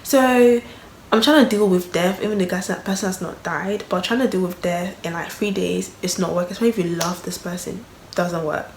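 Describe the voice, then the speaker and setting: A young woman vlogger tells a personal story in a candid, rambling, emotional way, packed with fillers. Her voice is fairly low and a little fast. The room echoes, and there is faint background noise.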